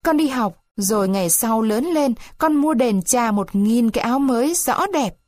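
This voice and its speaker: An eager little wooden puppet boy, as a woman reader puts him on in a storybook, high-pitched and childish. He talks in a pleading, earnest way. The sound is dry and close. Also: lively intonation, moderate pace, a little mellow, no echo, lightly acted. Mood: earnest childlike. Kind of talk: storybook read-aloud.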